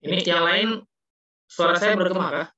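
A man with a high-pitched, sharp-toned voice teaches an English class online at normal speed, explaining patiently and mixing in English phrases. The audio is muffled, with heavy echo.

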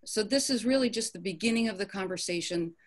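A woman presenting an upcoming event in a virtual office meeting, halting, with many ums and uhs, over a video call. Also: mid-range voice. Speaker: committee presenter.

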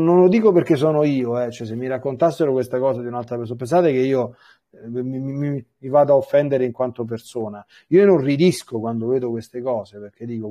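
Brief: male priest, warm dark husky tone, teaching scripture with animated readings and repeated restarts. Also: mid-range voice, muffled recording. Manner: repeats words and restarts phrases. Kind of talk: biblical catechesis with scripture reading.

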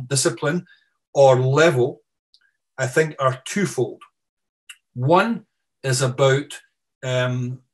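A man's voice: fairly high pitch, husky. Scottish man giving a seminar talk. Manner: thoughtful, with frequent restarts and repeated words. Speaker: guest speaker, professor.

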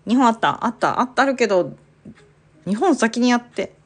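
A woman's voice: on the high side, lively intonation, normal speed, slightly rough. Chatty woman live-streaming with faint music. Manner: chatty, reads viewer comments aloud, exclaims and laughs often. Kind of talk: casual live-stream chat.

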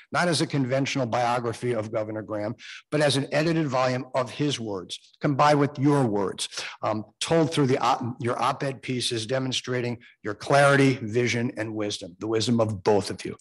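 A man's voice: mid-range voice, normal speed, rough recording. A man in his sixties from Florida giving a speech at a book launch in a museum, chatty and self-deprecating, with joking asides and frequent ums. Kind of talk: public speech with thanks and anecdotes. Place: museum event room.

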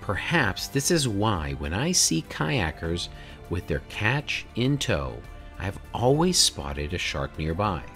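A man in his forties narrates a documentary in a measured, explanatory tone, often asking rhetorical questions. His voice sits low but moves with lively intonation. Faint music plays underneath. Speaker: drone videographer and channel host. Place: home studio room, indoors.

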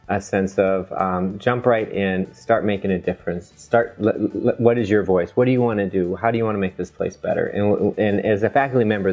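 Earnest low-voiced middle-aged man. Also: darkish tone, muffled recording. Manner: earnest, halting, many restarts and ums. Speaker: university administrator, guest. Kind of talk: casual interview.

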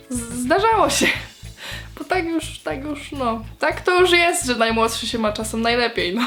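Young woman rambling through a q&a vlog, kinda high voice, lots of ums, soft music in back. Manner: chatty, hesitant, many fillers and restarts. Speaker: vlogger answering viewer questions. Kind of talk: casual Q&A vlog.

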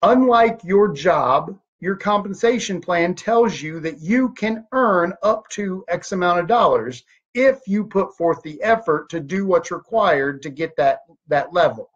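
A thirty-nine-year-old network marketing leader delivers an emphatic motivational talk into a webcam at his home office desk, gesturing animatedly and firing off rhetorical questions. His voice is high, husky, and a little slow. The webcam audio sounds dull and lo-fi.

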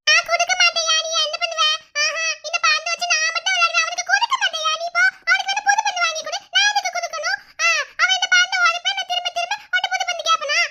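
Name: Vinoth. a squeaky, whiny little boy. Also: level tone, racing, pauses often, sharp tone, full character voice. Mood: defiant. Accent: Madurai Tamil. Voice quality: very high-pitched, crying and whining. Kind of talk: cartoon voice acting.

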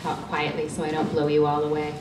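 A loud Canadian woman in her thirties, a cosmetics maker, speaks as a guest at a panel event in a small studio room, holding a mic before a small audience. Her voice is low-pitched and quick, her delivery completely flat, yet she comes across as passionate and emotional and laughs often. A distant camera picks up roomy sound with a faint hum.

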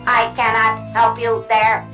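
A woman's voice: fairly high pitch, monotone, slow, music in the background. A woman voicing a small, polite male clockwork robot that winds on a spring, speaking in stiff, formal phrases in a cartoon. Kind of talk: animated cartoon voice acting.

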